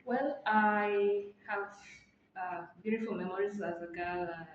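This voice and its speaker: A woman's voice: mid-range voice, measured pace. A woman from Tanzania whose first language is Maa, answering interview questions in a hesitant way with many fillers and restarts. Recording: echoey, dull lo-fi audio with faint noise.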